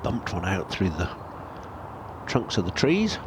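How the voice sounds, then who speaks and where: Lowish-voiced male golf commentator, noisy background. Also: big pitch swings, a little slow. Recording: noisy outdoor ambience behind voice.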